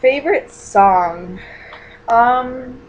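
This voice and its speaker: A woman's voice: on the high side, animated, extremely slow, muffled recording, a little hiss or hum. A woman in her twenties chatting casually in a vlog, rambling with many fillers and restarts as she answers personal questions. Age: 20s. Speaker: vlogger.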